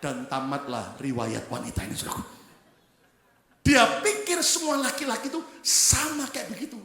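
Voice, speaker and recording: A man pastor preaching a jokey, lively sermon and calling out to the congregation. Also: high-pitched, normal speed. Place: large church hall. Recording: roomy church hall echo.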